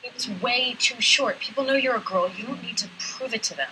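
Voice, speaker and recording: A woman's voice: on the high side, a little fast, bright, forceful tone, a little hiss or hum, poor audio. A woman speaking acted English TV dialogue in a replayed clip.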